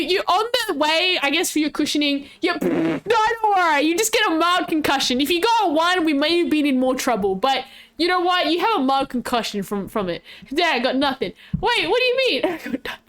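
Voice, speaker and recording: High-pitched cute anime-streamer woman, playful game master. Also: animated, fairly quick, fairly bright tone. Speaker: livestream host and game master. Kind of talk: casual improvised role-play narration to a stream chat.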